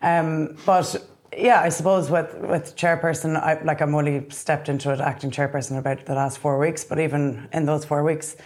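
A woman's voice: low-pitched, fairly even intonation, moderate pace, a little mellow. A woman with an Irish accent chatting casually as a club chairperson guest, in hesitant, trailing phrases. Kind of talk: casual chat.

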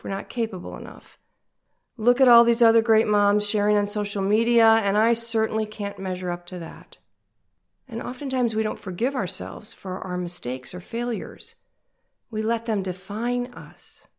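A woman's voice: mid-range voice, creaky. A woman with a nasal voice talking conversationally as a podcast host, speaking directly and encouragingly to her listeners about faith.

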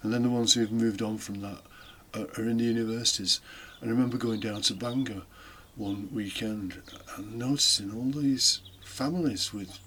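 Hardly pausing, a British man speaks at a moderate pace in a steady, fairly bright voice on the low side. He's a deacon hosting a homily podcast, giving a partly scripted, informal and reflective homily with conversational asides; faint noise sits in the background.

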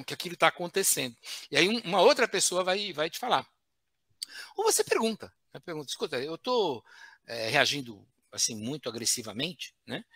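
A man speaks as an expert guest on a talk show, teaching in a didactic way and ending phrases with quick tag questions. His voice is bright and lively, moving a lot in pitch. The sound is dry and close. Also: dry recording. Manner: didactic, with frequent "né?" tags and restarts. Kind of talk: explanatory talk show chat.

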